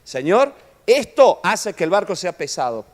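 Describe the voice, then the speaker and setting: Animated preacher in a reverberant hall. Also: male voice, sits high, unhurried. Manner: animated preaching, constantly saying "hermano", jokes with the audience. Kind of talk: sermon. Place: church hall. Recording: long reverb of a church hall.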